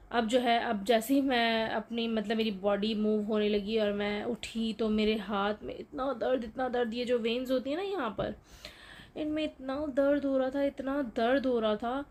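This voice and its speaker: A young woman with a fairly high voice recounts a frightening night in a casual, conversational vlog. She explains things as if gesturing to the viewer, checking in with little asides, and her voice rises sharply when she relives the fear. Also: a little mellow. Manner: explains with gestures, frequent "theek hai" check-ins. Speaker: vlogger telling her own horror story.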